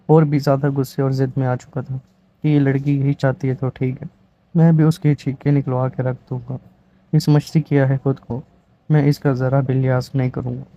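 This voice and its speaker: A man narrates a romance novel in a steady storytelling manner. His voice sits at a middling pitch. The recording sounds a little dull and lo-fi. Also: vocal fry. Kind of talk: reading a romance novel aloud.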